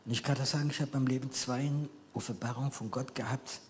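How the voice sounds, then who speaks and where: A middle-aged man, French by first language, preaches in German with a storyteller's drive. His voice sits at a middle pitch, rising loud for emphasis and dropping to near-whispers, over a faint hiss of background noise. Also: steady tone, quick pace. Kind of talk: sermon.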